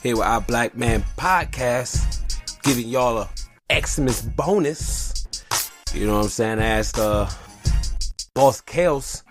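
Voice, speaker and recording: A man hosting his own podcast, ranting in a profane, animated way, his pitch leaping as he gets worked up. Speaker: podcast host. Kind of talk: solo rant podcast.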